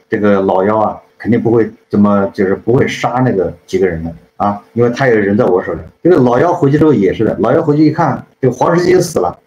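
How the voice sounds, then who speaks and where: A channel host retells a classic story in a loose, rambling way, frequently correcting himself and checking that the listener is following. His voice is mid-range and a little mellow, and the lo-fi audio sounds roomy and dull, with slight hiss or hum.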